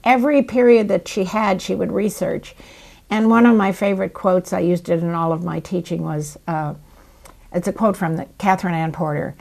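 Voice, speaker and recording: An older woman in her seventies speaks with a slightly low voice and a gravelly texture. She tells stories in a lively, theatrical way, and she is answering questions as a guest. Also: normal speed. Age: 70s. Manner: animated, theatrical storyteller. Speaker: actress and playwright, guest. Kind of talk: interview conversation.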